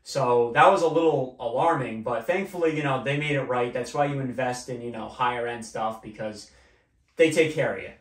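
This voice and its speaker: Young male host, relaxed chatty delivery, mid pitch, recorded from across an echoey room. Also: normal speed. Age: young adult. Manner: relaxed, chatty, many fillers. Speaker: fishing channel host. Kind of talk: casual gear walkthrough. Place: small indoor room at a table. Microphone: far camera. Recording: roomy echo, voice far from mic.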